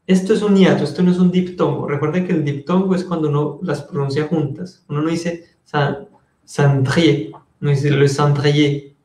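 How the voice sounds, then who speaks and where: A man teaching a French class in Spanish, slowly repeating words and switching between languages while calling on students by name. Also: on the high side, fairly even intonation, dark tone, roomy sound. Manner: slow, patient, repeats words to drill pronunciation.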